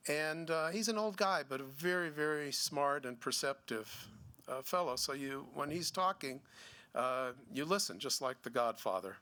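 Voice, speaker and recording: A middle-aged man, a gallery owner giving a seminar talk, speaking haltingly with many restarts and fillers. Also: a little high, sharp tone. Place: museum seminar room.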